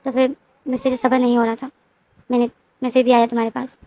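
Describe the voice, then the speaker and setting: A woman's voice: a little high, flat delivery, quick pace, natural voice. A woman voicing a possessive apologetic older brother. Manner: apologetic, soft.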